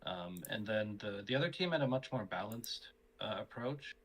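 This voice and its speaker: A man's voice: lowish voice, expressive, moderate pace, a bit bright. Man on choppy, glitchy call audio. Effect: choppy, glitchy call audio breaking up. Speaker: co-commentator. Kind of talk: esports match commentary over a call.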